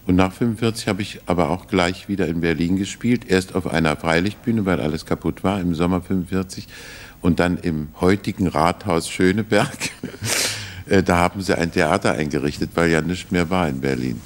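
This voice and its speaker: An older man, an actor, recalling his career in a relaxed interview, thoughtful and anecdotal with small restarts. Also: low voice, fairly quick.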